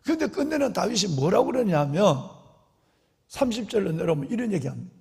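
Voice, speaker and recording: A man's voice: high voice, sing-song, a little fast, vocal fry, warm tone, breathy edge. A middle-aged male pastor preaching an impassioned sermon and calling out to the congregation. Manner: acts out prayers and quotes in a dramatic voice. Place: large church sanctuary. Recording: long hall reverb.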